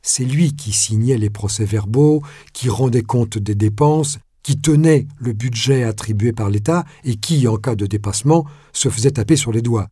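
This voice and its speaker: A man reading a novel aloud as narrator, measured with a dry ironic touch. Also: mid-range voice, dark tone, husky, no room sound. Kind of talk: audiobook reading.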